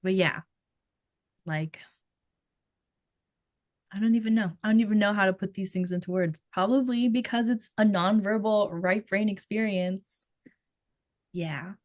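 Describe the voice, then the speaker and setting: A woman therapist with a Filipino accent, talking through ideas in a thoughtful, gentle way on a casual podcast and searching for her words. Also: mid-range voice, measured pace, long pauses, no echo, clean studio sound.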